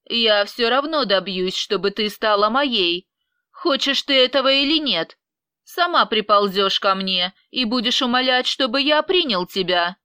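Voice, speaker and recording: A woman's voice: a little high, expressive, measured pace, sharp tone, clear, resonant tone, no room sound, studio quality. Woman reading a possessive, controlling man. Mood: menacing. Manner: insistent, pleading and menacing.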